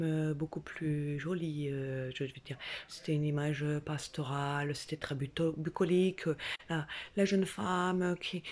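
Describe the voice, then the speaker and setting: A woman's voice: low voice, darkish tone. A woman telling a stand-up style story from her bed at home, in a put-on southern French accent, playful and exaggerated. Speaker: comedian. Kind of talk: stand-up monologue.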